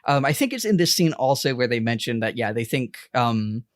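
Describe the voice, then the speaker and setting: A man's voice: mid-range voice, sing-song, a little fast, no echo, studio quality. A man co-hosting a podcast in a casual chat, rambling, laughing often and swearing freely. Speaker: podcast co-host.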